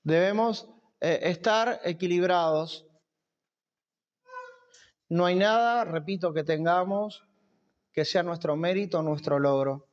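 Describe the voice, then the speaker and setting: Male preacher, high voice, emphatic sermon delivery with repeated phrases; muffled low-fidelity sound. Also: slow, long pauses. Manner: emphatic, repeating key phrases with rising pitch.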